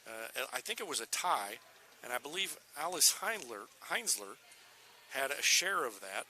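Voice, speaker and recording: Bright-voiced male sports broadcaster. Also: mid-range voice, big pitch swings, normal speed, a little hiss or hum. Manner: conversational, thinking aloud while checking records. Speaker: play-by-play broadcaster.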